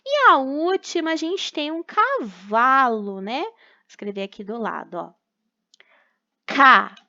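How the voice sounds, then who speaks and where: A woman's voice: high voice, expressive, unhurried, bright, forceful tone, dull audio. A young woman teacher with a Brazilian Portuguese accent, patiently sounding out syllables for young children in a recorded remote class. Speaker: primary school teacher.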